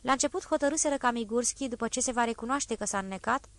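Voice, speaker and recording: A woman narrating a classic story in a calm, even literary reading. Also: fairly high pitch, dry recording. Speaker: audiobook narrator. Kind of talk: scripted narration.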